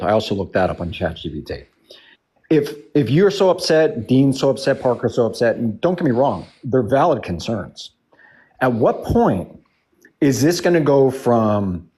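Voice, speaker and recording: A man's voice: medium pitch, darkish tone. A man in his forties arguing his point in a heated political discussion, blunt and emphatic, repeating himself and swearing. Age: 40s. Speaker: debate participant.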